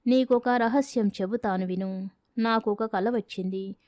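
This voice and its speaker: A woman's voice: medium pitch, steady tone, unhurried, a little mellow, dry recording, clean studio sound, natural voice. A woman voicing a cunning landlord's wife who speaks in a persuasive, sly way in a storybook reading.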